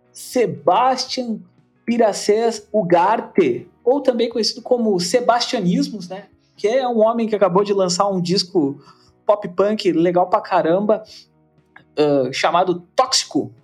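A man's voice: high-pitched, darkish tone. A man with a Brazilian Portuguese accent hosting an interview podcast, talking in an enthusiastic, rambling way. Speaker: podcast host. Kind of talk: casual interview intro.

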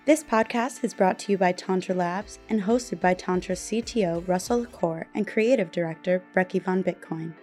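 A woman reading a scripted podcast disclaimer in a rapid, even delivery. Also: fairly low pitch, soft background music. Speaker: disclaimer announcer.

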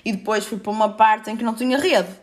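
Young Portuguese woman telling a story. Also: fairly high pitch. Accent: European Portuguese. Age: 20s. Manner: rapid, filler-heavy, swears freely. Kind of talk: casual personal storytelling.

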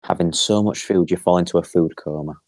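Young lad, podcast co-host, deep husky voice, rambling and sweary. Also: male voice, brisk, a little mellow, no room sound. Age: young adult. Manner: rambling storyteller with lots of fillers and swearing. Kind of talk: casual chat and anecdote.

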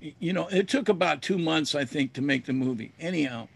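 An older man, a musician, telling a long anecdote in casual chat, rambling and animated, acting out the dialogue as he goes. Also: fairly high pitch, a little fast, gravelly, slightly rough, dry recording. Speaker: musician guest. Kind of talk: casual storytelling.

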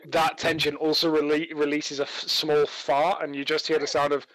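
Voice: medium pitch, little pitch movement, normal speed, fairly bright tone, low-quality recording. A game master narrating a tabletop game scene in a loose, descriptive way with fillers.

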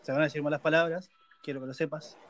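Laid-back man hosting a podcast, slightly high voice. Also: steady tone, fast talker, fairly bright tone. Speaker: podcast host. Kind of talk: casual podcast chat. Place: his own room in Buenos Aires. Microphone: phone.

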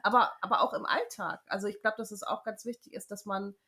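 A woman co-hosting a casual chat podcast, talking in a frank, emphatic way with pauses and fillers. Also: medium pitch, fairly even intonation, pushed and bright. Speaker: podcast co-host.

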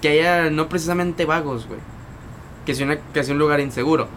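A man's voice: fairly high pitch, brisk, fairly bright tone, a little hiss or hum. Slangy guy telling a story. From Mexico. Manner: slangy, repeats words and tags lines with "güey". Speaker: podcast co-host. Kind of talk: casual chat, storytelling.

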